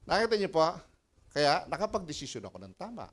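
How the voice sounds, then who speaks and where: A man with a Filipino accent, a pastor preaching a sermon and telling personal stories with lively, animated delivery. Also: a little high, a little fast, slightly rough. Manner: animated storytelling, mixing Tagalog and English, laughing often.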